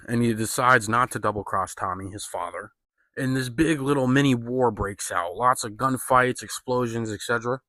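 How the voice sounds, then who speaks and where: A movie reviewer gives a casual spoken film review, loose and profane, heavy on "like," slang, and filler words. His mid-range voice is bright and forceful, recorded close and dry with no room sound or echo.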